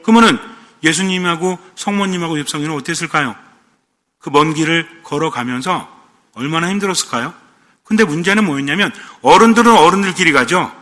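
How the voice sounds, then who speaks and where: Bright-voiced priest in a reverberant hall. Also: male voice, a little high, fairly quick. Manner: asks the congregation questions, playful asides. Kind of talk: sermon.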